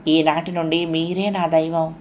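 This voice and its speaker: A soft-spoken young woman, adoring and coaxing, murmuring close in a storybook reading, as a woman narrator puts her on. Her voice sits a little higher than the reader's own and stays tender and sweet. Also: flat delivery, measured pace, lo-fi sound, a little hiss or hum.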